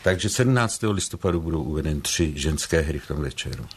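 A man speaking as a theatre guest on a radio talk show, hesitant and wry, with many pauses. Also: extremely low pitch, expressive, husky. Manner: hesitant, wry, self-deprecating. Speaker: theatre guest, playwright and interpreter. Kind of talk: radio studio chat.

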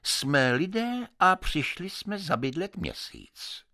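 A man voicing a polite male spaceship commander who speaks briskly and courteously, in a radio story reading. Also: high voice, big pitch swings, bright, forceful tone, no room sound, clean studio sound, voice pushed up, full character voice.

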